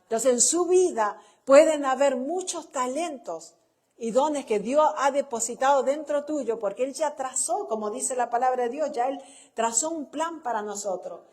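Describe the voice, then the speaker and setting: A woman's voice: sits high, moderate pace, darkish tone. Chatty Chilean woman preaching with anecdotes. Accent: Chilean Spanish. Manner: anecdotal, tags sentences with "¿no?", laughs at own stories. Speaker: pastor's wife and church speaker. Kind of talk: conversational sermon testimony.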